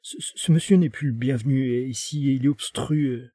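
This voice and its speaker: A man's voice: mid-range voice, moderate pace, warm tone, slightly rough, dry recording, natural voice. A man voicing a nervous male head waiter who stammers and apologizes.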